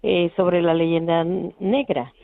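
Brief: earnest halting phone-in caller from Venezuela, rough high voice, thin phone sound. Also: male voice, fairly even intonation, no echo. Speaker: radio caller. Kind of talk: phone-in comment. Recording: tinny phone line.

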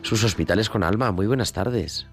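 A man from hosting a live radio program and briskly reading out contact details for listeners. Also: fairly low pitch, faint music behind. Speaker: radio host.

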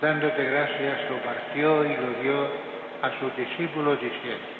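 A man, a priest, intoning the prayers of Mass with a cathedral echo, in a solemn, measured way. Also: medium pitch, steady tone. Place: large church. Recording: tinny phone-like recording of a cathedral with long echo and background noise.

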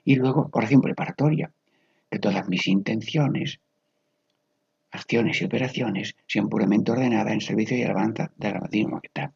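Very husky, gravelly man leading slow prayer. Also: on the low side, darkish tone, no echo, dull audio. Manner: slow, meditative, repeats single prayer words with long pauses. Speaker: catechist leading family prayer. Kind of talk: guided prayer meditation on radio.

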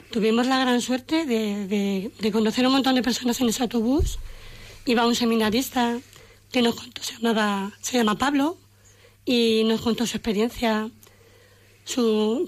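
A woman's voice: a little high, steady tone, moderate pace. Chatty middle-aged woman. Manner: warm storytelling, emotional, quotes family in dialogue. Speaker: radio guest. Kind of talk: casual radio chat.

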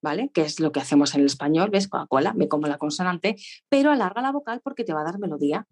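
A woman vocal coach explaining voice technique in a radio interview, lively and demonstrative, laughing often. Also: on the low side, quick pace. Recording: radio studio.

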